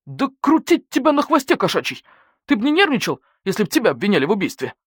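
A woman voicing a rude, streetwise male wolf under suspicion, who snaps back in gruff slang. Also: mid-range voice, sing-song, quick pace, dry recording, clean studio sound, pitched above the performer's own voice. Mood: surly. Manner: gruff, snapping slangy talk.

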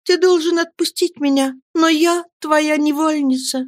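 A desperate young woman in a storybook, pleading in a high, strained voice, as a woman reads her out. The sound is close and dry, with no room around it. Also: fairly even intonation, a little slow, dry recording. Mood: earnest.

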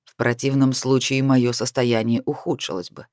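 A man narrating an audiobook in an even, steady reading voice. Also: mid-range voice, normal speed, dry recording, studio quality. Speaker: audiobook reader.

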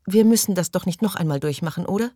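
A man's voice: sits high, fast, dark tone, no echo, studio quality, voice pushed up, close to an everyday voice. A man voicing a frail, fussy elderly woman who is out of breath and talks politely. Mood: shaken.

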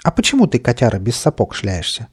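A man's voice: medium pitch, wildly swooping pitch, fast, husky. A man voicing a tiny, scruffy, boastful and cowardly male creature in a storybook reading, with a bratty, whining manner. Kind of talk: storybook character voice.

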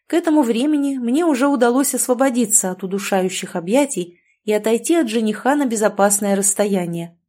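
A woman narrating a novel in the first person, with an expressive, lively delivery. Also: fairly high pitch, brisk. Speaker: audiobook narrator.

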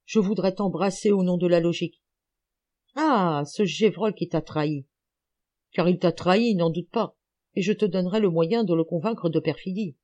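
A woman with a mid-range voice reads an audiobook, performing an elderly, gouty male amateur detective who is excited, teasing, and lecturing. The mood is jubilant.

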